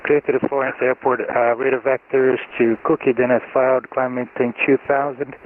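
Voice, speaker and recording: A man's voice: mid-range voice, flat delivery, brisk. A man as a pilot calling air traffic control over the radio, in clipped radio phrasing with hesitant fillers. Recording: tinny radio line with faint hiss.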